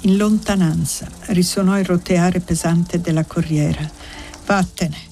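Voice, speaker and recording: A woman narrating a literary audiobook in a measured, unhurried way, with long pauses. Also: fairly low pitch, fairly even intonation, warm tone, soft background music. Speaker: audiobook reader.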